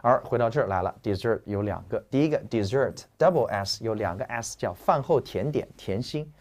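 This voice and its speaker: Joking, lively man teaching vocabulary. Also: fairly low pitch, normal speed. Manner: lively, joking, slangy explaining. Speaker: English teacher. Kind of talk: classroom vocabulary lecture.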